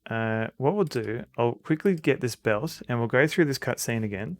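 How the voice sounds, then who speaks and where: A man's voice: medium pitch, moderate pace, faint music behind. A man chatting casually on a live stream as he plays a retro adventure game, rambling in an easygoing way.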